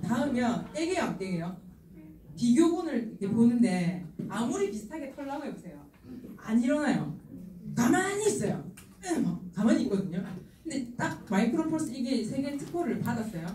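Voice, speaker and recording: A middle-aged woman giving a lively sales talk to an audience, acting out the people she quotes and laughing often. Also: on the high side, far from the mic. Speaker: skincare sales speaker. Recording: roomy hall, voice from afar, faint ambience.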